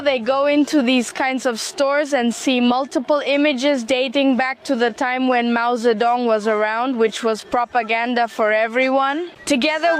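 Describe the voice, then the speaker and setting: A woman from Mexico, a travel vlogger giving curious, chatty commentary as she narrates. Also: sits high.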